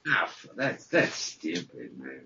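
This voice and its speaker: With a rumbling low, gravelly voice, a man in his fifties takes his time as he co-hosts a podcast, bragging and joking in casual banter and animated storytelling. The recording is dull lo-fi podcast audio with slight background noise.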